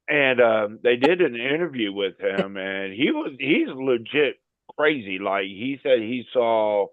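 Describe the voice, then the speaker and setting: A man chatting casually on a video call in a slow, laid-back, slangy way. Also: medium pitch, expressive, no echo. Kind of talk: casual chat. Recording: tinny phone-like video call line.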